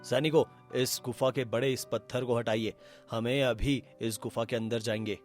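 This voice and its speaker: A man's voice: medium pitch, steady tone, moderate pace, natural voice. A man voicing a brave king who gives firm orders in a cartoon story. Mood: commanding. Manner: firm, commanding. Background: background music.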